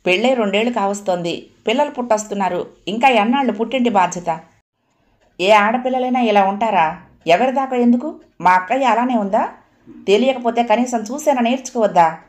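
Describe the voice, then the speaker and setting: Woman reading as a young husband, angry, harsh, shouting, sarcastic, audiobook story, mid-pitched voice. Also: fairly quick, echoey room, natural voice.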